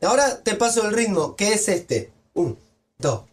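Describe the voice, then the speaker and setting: A man teaching body percussion, explaining each step clearly in a tutorial. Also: high voice, animated, moderate pace. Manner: clear step-by-step explaining, vocalizing rhythm syllables. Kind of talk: instructional tutorial.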